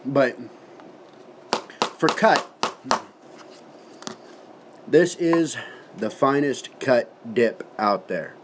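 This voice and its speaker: A man's voice: mid-range voice, lively intonation, drawn-out words, long pauses, background noise. Folksy man talking with a lip full of dip. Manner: folksy, colloquial, swears casually. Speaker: tobacco product reviewer. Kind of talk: casual product review vlog, talking to camera.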